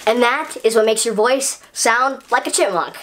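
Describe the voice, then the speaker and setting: A woman talking in a high, squeaky chipmunk voice after breathing helium, chatting upbeat to viewers as she explains some science. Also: moderate pace, a bit bright, slight background noise. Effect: high squeaky chipmunk voice from inhaled helium. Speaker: video host.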